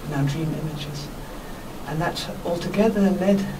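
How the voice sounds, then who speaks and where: A woman being interviewed on radio as a workshop teacher, explaining spiritual ideas in an earnest, reflective, measured way. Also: sits low. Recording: noisy, distant microphone.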